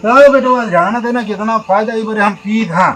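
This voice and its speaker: A man's voice: high-pitched, moderate pace, fairly bright tone, faint music behind, rough recording. A man playing a drunk, boastful, quarrelsome rural uncle in a comedy sketch, rambling and arguing with an Awadhi accent. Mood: boastful lecturing. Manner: drunken, rambling, argumentative talk. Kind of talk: village comedy sketch acting.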